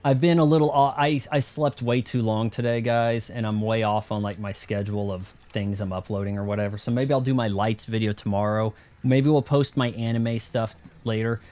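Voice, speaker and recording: A man's voice: on the low side, steady tone, moderate pace, few pauses, a little mellow. Casual male gamer thinking aloud. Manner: rambling, thinking aloud, slangy. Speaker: video game streamer. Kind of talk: casual first-playthrough commentary.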